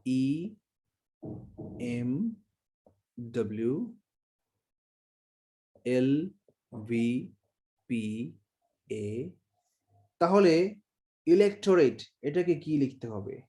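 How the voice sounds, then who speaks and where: A man's voice: medium pitch, big pitch swings, drawn-out words, pauses often, mellow. A Bangladeshi man teaching an online exam-prep class in a chatty, joking way, acting out how words are said. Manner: chatty, joking, demonstrates pronunciations.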